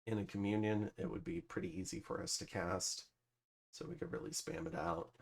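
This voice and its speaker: A man's voice: fairly low pitch, fairly even intonation, a little fast, vocal fry. A man casually commentating over his strategy game turns, thinking aloud with plenty of fillers. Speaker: gameplay commentator. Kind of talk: casual let's-play commentary.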